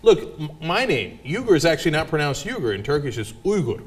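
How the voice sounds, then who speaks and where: A man's voice: fairly high pitch, sing-song, fast talker. Emphatic man hosting a panel talk. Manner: emphatic, punchy, rhetorical questions. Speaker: host.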